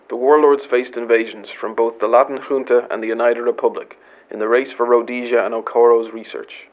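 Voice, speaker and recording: A man playing an earnest wartime newsreel announcer, formal and measured, scripted in an old newsreel style through a vintage radio filter. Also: mid-range voice. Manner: formal, measured news delivery. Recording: dull, band-limited old radio sound.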